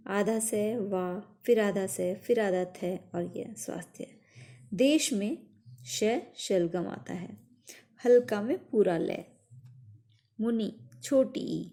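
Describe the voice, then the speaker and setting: A woman teacher, patiently explaining grammar to children with slow, emphatic examples. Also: medium pitch, gravelly, warm tone, husky.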